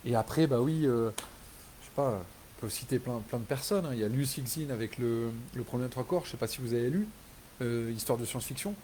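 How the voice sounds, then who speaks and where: A man with a dark, mellow voice chats casually and eagerly with readers, circling back and restarting his sentences often. He gets lively when he retells a story. A faint hiss sits under the recording. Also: mid-range voice, a little fast, low-quality recording. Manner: rambling, enthusiastic, many fillers and restarts; animated when retelling scenes. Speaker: author hosting a live reader Q&A. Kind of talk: casual live chat.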